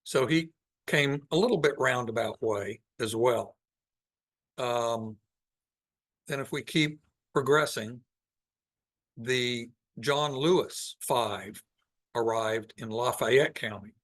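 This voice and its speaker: A man giving an informal slide presentation to a live audience in a meeting room. He thinks aloud and pauses often as he goes. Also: medium pitch, fairly bright tone.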